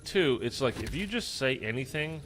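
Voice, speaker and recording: This streamer's voice is medium-pitched, expressive and fairly bright, moving at a moderate pace over slight background noise. He casually talks through a zombies session, rambling with many fillers while sounding stuffy and congested.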